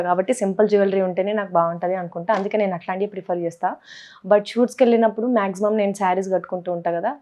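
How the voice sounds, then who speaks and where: A woman's voice: mid-range voice, warm tone. A young woman with a Telangana Telugu accent, chatting playfully in a casual vlog and mixing in English words. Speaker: vlogger. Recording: dull lo-fi sound.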